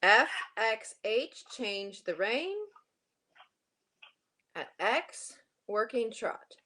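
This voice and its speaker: Bright, high-voiced woman calling brisk riding commands. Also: expressive. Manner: brisk, projected, urgent commands with repeated short phrases; encouraging. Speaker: horse riding coach. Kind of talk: live riding lesson commands.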